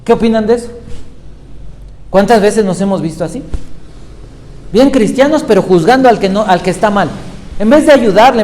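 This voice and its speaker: A man's voice: high-pitched, warm tone. A male pastor giving a sermon, retelling Bible stories and putting questions to his listeners. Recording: echoey hall with faint noise.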